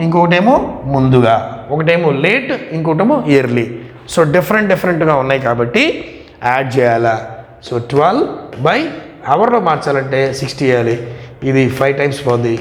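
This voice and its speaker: High-voiced Telugu man teaching, Telugu-English mix, echoey. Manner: asks questions and answers them himself. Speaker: maths teacher. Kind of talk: classroom lesson working through problems. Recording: echoey hall-like room with long reverb.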